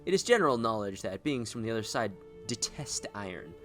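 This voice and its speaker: A grave village storyteller played by a man telling dark horror game lore. The delivery is measured and theatrical, with dramatic rises and drops in pitch over music. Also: big pitch swings. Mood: ominous. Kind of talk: dramatic reading of game dialogue. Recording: music behind the voice.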